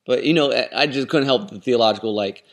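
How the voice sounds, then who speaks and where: A man co-hosting a podcast, chatting casually and haltingly as he thinks aloud, recorded in an echoey room. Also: mid-range voice. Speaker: podcast co-host. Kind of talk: casual TV discussion chat.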